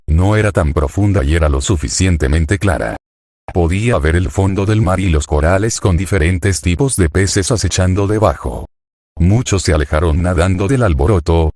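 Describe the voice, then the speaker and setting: A man narrating a fanfiction story in a steady storytelling read. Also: low voice, dry recording, studio quality. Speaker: fanfiction reader. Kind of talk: scripted narration.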